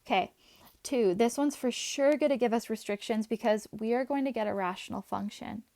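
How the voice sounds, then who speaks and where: A woman teaching a math class, chatty and talking her students through each step as she writes, her voice a little hoarse. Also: a little high, moderate pace, warm tone, no room sound. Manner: chatty, talks while writing, asides to students. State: voice going, slightly hoarse.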